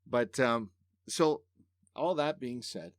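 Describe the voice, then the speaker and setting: A man's voice: medium pitch, animated, takes it slowly, dry recording, studio quality. A man hosting a podcast interview, speaking reflectively and earnestly in long thoughtful turns. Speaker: podcast host. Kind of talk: casual interview chat.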